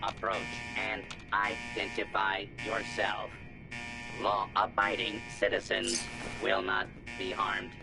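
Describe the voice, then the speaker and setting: An actor voicing a stern male security robot through a robotic filter, giving clipped, commanding monotone announcements in a video game. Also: fairly low pitch, takes it slowly, vocal fry, loud music behind the voice, full character voice, poor audio.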